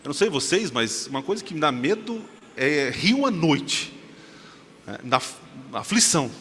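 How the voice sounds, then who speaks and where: A middle-aged man with a Brazilian Portuguese accent, preaching a sermon with lively storytelling and joking asides to the congregation. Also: fairly high pitch, moderate pace. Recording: reverberant hall, faint background noise.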